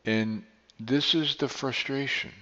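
A man's voice: mid-range voice, steady tone, takes it slowly, a bit bright. An older man hosting his podcast in a rambling, self-correcting way, his voice carrying a heavy echo like a canyon. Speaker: podcast host and beekeeper. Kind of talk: casual solo podcast talk. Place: unfamiliar studio room. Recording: long echoing reverb, dull lo-fi sound.

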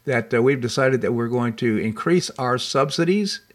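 Medium-pitched man hosting political talk. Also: lively intonation, moderate pace. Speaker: talk show host. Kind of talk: conversational political discussion.

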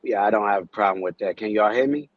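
A man from Chicago speaking as a guest DJ, low-pitched and relaxed, hesitating with fillers. His remote line sounds dry and dull, with no room around it. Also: quick pace, dry recording. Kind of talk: casual chat.

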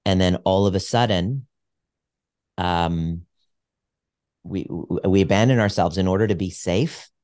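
A man's voice: low-pitched, unhurried, long pauses, a little mellow, dry recording, clean studio sound. A man in his forties, a podcast guest, talking in an earnest, reflective way with frequent restarts. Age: 40s. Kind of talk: casual conversation.

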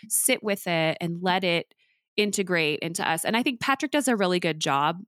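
A woman with a fairly low voice co-hosts a relaxed conversational podcast, speaking in a steady, affirming way. At times she guides listeners through a gentle breathing exercise. The sound is close and dry, with no room around it. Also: normal speed, dry recording. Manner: affirming, steady, leads a calm mindfulness exercise. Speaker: podcast co-host.

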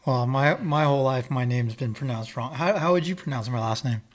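A middle-aged man hosting an interview, chatty and friendly, asking questions and giving quick backchannels. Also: mid-range voice. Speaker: interviewer, host. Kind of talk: casual interview.

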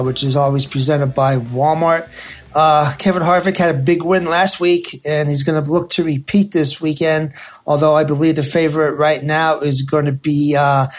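A man hosting a sports radio show, talking in a halting, hesitant way with frequent pauses. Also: on the high side. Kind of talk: loosely scripted sports talk commentary.

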